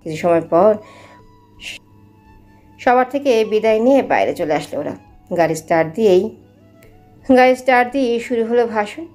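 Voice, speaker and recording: Young woman narrator, mellow timbre, steady story reading. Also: on the high side, normal speed, long pauses, faint music behind.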